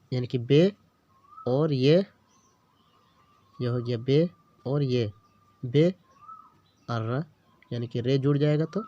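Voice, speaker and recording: A man's voice: mid-range voice, a little mellow. A man teaching a beginner language lesson, patiently sounding out letters and words one at a time and checking in with the learner often. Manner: repeats each word, checks in with the learner often. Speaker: Urdu teacher. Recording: dull lo-fi recording.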